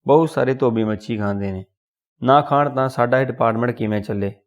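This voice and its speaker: A man's voice: medium pitch, brisk, close to an everyday voice. A man voicing a deaf, doddering old male office clerk who keeps mishearing and asking again. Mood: confused. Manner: confused, mishears and asks again.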